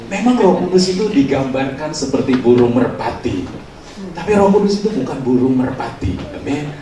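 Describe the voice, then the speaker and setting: A male pastor preaching a sermon in a church hall, telling a story in a colloquial way and often prompting "amin". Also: mid-range voice. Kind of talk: sermon with a told anecdote. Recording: echoey hall, mic from far off, faint noise.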